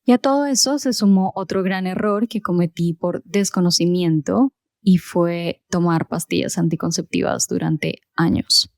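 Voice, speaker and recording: A Colombian woman who hosts her own podcast and works as a health coach tells her personal story in an earnest, conversational way, with small fillers. Her voice is lowish, gravelly and darkish, at a moderate pace. The recording is studio quality with no room sound.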